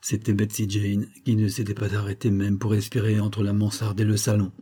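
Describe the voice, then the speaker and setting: A man giving measured, scripted narration of a novel in an audiobook. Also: on the low side, completely flat delivery, mellow, breathy edge.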